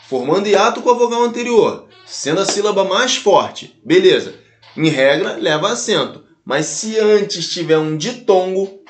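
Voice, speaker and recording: Animated Brazilian man teaching grammar. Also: high voice. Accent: Brazilian Portuguese. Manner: animated, addresses students directly, repeats and spells out examples. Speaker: Portuguese teacher. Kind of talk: online grammar lesson. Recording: echoey room.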